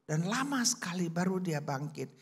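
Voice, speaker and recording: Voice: medium pitch, very animated, normal speed, breathy edge. A preacher telling a story in a sermon, acting out the people he quotes. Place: church service.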